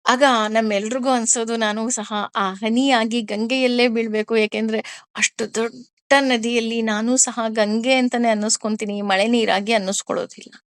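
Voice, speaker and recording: Woman explaining scripture, lively and questioning. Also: fairly high pitch, moderate pace, clear, resonant tone, no room sound. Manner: explains Sanskrit verses line by line with everyday examples; lively, asks listeners questions. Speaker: spiritual teacher. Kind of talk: discourse on scripture.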